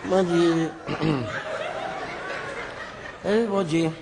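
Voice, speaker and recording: A man telling a comic story on stage in broken, childlike French, breaking into sudden shouts. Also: fairly high pitch, drawn-out words, vocal fry. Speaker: comedian. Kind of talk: stand-up storytelling. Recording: live show with audience laughter and background noise. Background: audience laughing.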